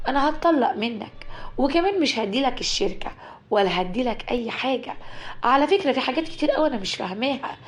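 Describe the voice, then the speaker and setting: A woman voicing a shy, devout young bride who speaks softly and earnestly, with an Egyptian accent. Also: fairly high pitch, close to an everyday voice. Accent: Egyptian Arabic.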